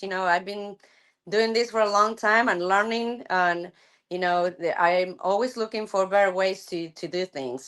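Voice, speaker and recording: Woman coach, lower voice. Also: a bit bright, smooth. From Argentina. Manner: thoughtful, many fillers and restarts. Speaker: college softball head coach. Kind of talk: casual interview chat.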